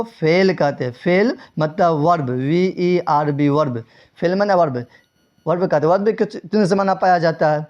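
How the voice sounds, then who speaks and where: A man's voice: high voice, a little mellow. A man teaching Urdu grammar for an exam, who asks rhetorical questions, repeats the answers and spells out English words letter by letter. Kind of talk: exam-prep grammar lesson. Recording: dull lo-fi recording.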